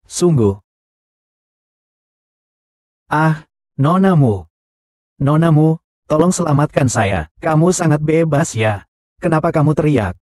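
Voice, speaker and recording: A man dubbing every role in one even voice. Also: fairly high pitch, slow pace, pauses often, no room sound, clean studio sound. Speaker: dub voice for all roles. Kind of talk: dubbed short drama dialogue.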